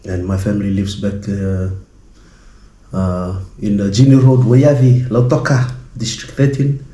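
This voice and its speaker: A man with a Fijian accent chatting casually as a vlogger, speaking in a halting, hesitant way. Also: fairly low pitch, flat delivery, mellow. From Fiji. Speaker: vlogger and street musician. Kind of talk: casual vlog chat. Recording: echoey room sound.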